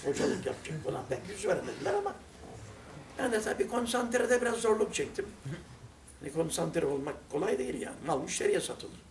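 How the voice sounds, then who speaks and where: A man's voice: sits high, very animated, fairly quick. An older man giving a religious talk, telling humorous anecdotes with chuckles and acting out the dialogue. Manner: storytelling, chuckling, acts out dialogue. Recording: echoey room, distant mic, faint noise.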